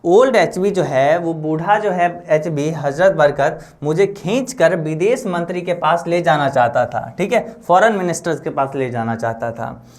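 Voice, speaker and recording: A man's voice: a little high, normal speed. A male English teacher walking students through a story line by line. He restates each point several times and keeps checking in with the listener as he goes. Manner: repetitive, checks in often with the listener. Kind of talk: line-by-line lesson explanation.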